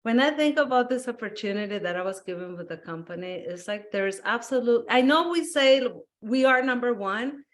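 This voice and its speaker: A woman's voice: on the high side, lively intonation, moderate pace, hardly any pauses. A woman from Peru, a guest in a casual interview chat, telling stories with animation, acting out quotes and laughing often. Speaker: guest, wellness business owner.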